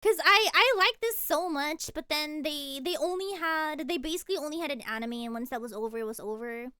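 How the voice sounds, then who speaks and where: Chatting with her viewers on a laid-back stream, a young VTuber gushes, giggles frequently, and repeats words. The recording is dry and studio-quality, and her high voice comes out fairly quick, pushed, and bright.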